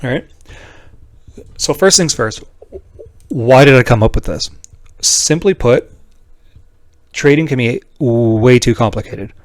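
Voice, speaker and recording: A man's voice: medium pitch, takes it slowly, pauses often, dry recording. A man giving an unscripted, informal tutorial in a blunt way, often tagging his points with a questioning "right?". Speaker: trading tutorial presenter. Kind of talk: casual screen-share tutorial, unscripted explanation.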